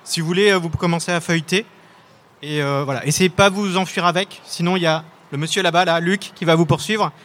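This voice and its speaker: A man's voice: on the high side, fairly even intonation, fairly quick, a bit bright. A man, a comic scriptwriter, interviewing his illustrator in a chatty, joking way. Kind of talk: casual interview.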